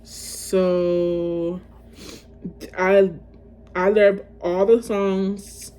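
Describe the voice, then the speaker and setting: A woman's voice: fairly low pitch, level tone, extremely slow, mellow, clean tone. A woman vlogging casually to camera, ranking music in a chatty, emotional way and calling her viewers y'all.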